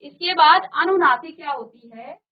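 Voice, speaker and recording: A woman's voice: high-pitched, normal speed, phone-quality sound. A woman teacher giving a virtual classroom lesson, explaining step by step and questioning her students.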